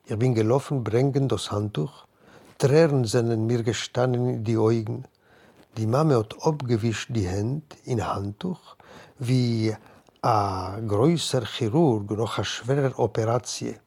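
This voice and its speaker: Slow, husky male storyteller. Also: medium pitch, darkish tone. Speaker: narrator. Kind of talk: literary story reading.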